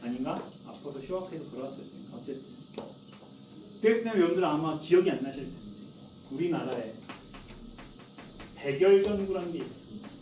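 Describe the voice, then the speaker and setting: A man's voice: on the high side, lively intonation, brisk, pauses often, mellow, slight background noise. A man in his forties teaching a class in a classroom, chatty, often asking students questions and answering them himself. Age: 40s. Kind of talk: classroom lecture. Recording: echoey classroom from far off.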